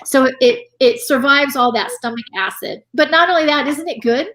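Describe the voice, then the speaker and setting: Woman, middle-aged, fairly high voice, animated, conversational guest. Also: moderate pace. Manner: animated, tags lines with "right?" and "you know". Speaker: guest business owner. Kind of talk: casual interview chat.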